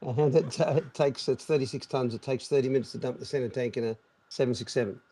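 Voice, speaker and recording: On a live stream, a jet-lagged airline pilot chats casually, explaining things at length and restarting often. His voice is medium-pitched, fast, and mellow.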